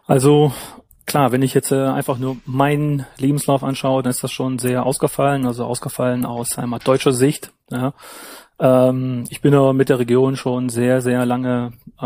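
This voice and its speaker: A man from Germany, a company founder, answering interview questions over a remote call in a measured way, sometimes searching for words. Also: mid-range voice, completely flat delivery, a little mellow. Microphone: remote call from abroad.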